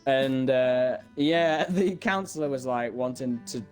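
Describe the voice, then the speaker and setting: A man's voice: medium pitch, slow pace, a little mellow, smooth, soft background music. A young man telling a rambling comedic story, stammering and restarting as he acts out the quoted dialogue. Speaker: podcast co-host.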